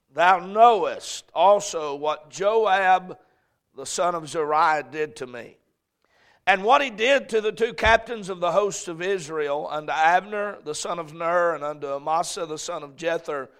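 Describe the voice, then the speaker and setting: In an echoey church hall, a male pastor with a slightly high voice preaches and reads scripture to his congregation. His talk is folksy and full of repeated phrases, and his voice swells when he reads verses aloud.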